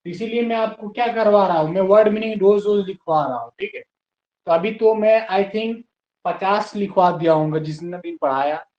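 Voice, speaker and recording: Male teacher, high voice, spells words out slowly, patient, roomy dull lo-fi classroom sound. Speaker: English teacher. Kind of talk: classroom lesson.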